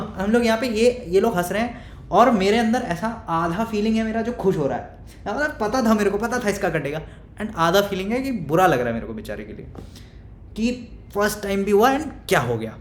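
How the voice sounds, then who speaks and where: A young man casually telling a storytime, animated and acting out his friends' lines, then dropping to low mutters. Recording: echoey room with faint rumble.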